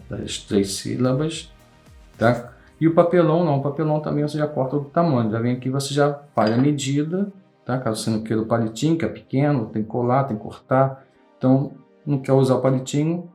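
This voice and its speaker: A man's voice: mid-range voice, a little mellow. A man with a Brazilian accent explaining a classroom craft game step by step, patiently checking in with his listeners after almost every phrase. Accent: Brazilian Portuguese. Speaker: craft tutorial host. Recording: roomy echo, faint background music.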